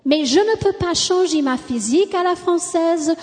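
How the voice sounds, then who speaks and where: A woman preaches in French with an American accent, as a native English speaker. Her voice is high and mellow, carried by long hall reverb. She delivers a sermon in an exclamatory way, dotted with amens and hallelujahs. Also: animated, normal speed. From United States.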